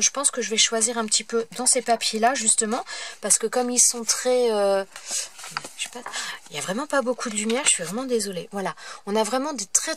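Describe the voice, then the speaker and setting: A woman's voice: fairly high pitch, a bit bright, a little hiss or hum. A woman hosting a paper craft tutorial, talking casually and hesitantly, with many fillers and self-corrections as she works at her table. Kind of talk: casual step-by-step craft demonstration.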